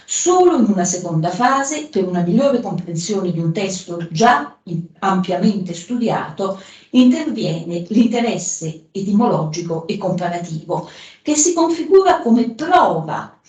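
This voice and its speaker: A woman's voice: mid-range voice, darkish tone. A woman with an Italian accent reads an academic paper aloud at a conference, carefully and with a few self-corrections. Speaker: conference speaker. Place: conference hall. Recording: echoey conference room.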